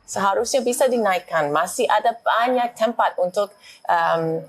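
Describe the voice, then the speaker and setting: A woman from Boston with an American accent, a native English speaker speaking Indonesian as a foreigner, haltingly searching for words as she answers in an interview. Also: mid-range voice. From Boston, United States. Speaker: cultural attaché, interview guest.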